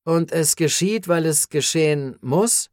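An anxious, agitated man fires off worried questions in a raised voice, as a male narrator plays him. His pitch sits above the narrator's own. The sound is dry and close. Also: measured pace, no echo, lightly acted. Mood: questioning.

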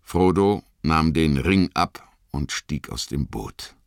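A man reading an audiobook in a dramatic, expressive storytelling manner. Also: a bass voice, slow pace, vocal fry, no room sound, studio quality. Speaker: audiobook narrator. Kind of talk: scripted narration.

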